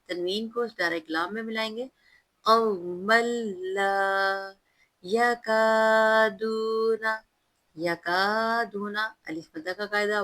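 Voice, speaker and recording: A woman teaching recitation, who alternates drawn-out chanted recitation with calm, patient spoken explanation. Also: mid-range voice, rough recording. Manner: patient, instructive tone. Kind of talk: slow, careful recitation lesson.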